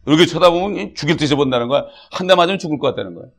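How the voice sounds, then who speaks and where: A man's voice: fairly high pitch, rapid-fire, creaky. A middle-aged man preaching a sermon as a pastor, talking in a conversational way with frequent asides and acting out quoted voices and prayers.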